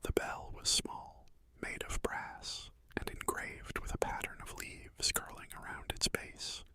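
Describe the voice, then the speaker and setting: A storyteller narrating an ASMR bedtime story in a hushed, soothing whisper, pausing often between phrases. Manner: slow, hushed, soothing delivery with pauses.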